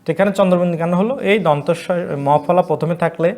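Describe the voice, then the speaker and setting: A college Bangla lecturer from Bangladesh teaches pronunciation in an online class, repeating each word slowly and answering the questions he asks. His voice is high-pitched and a little mellow.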